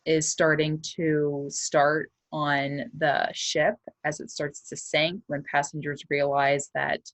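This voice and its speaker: A low-voiced woman acting as an elementary teacher explains and reads a children's story, speaking to pupils in simple, clear-cut terms. The recording is dry and a bit bright, with little room sound and no echo.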